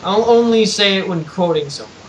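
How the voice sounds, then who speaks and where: A man's voice: high-pitched, lively intonation, slight background noise, low-quality recording. A young man on a live stream, chatting casually and swearing freely, with frequent restarts. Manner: loose, profane, halting restarts. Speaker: co-host.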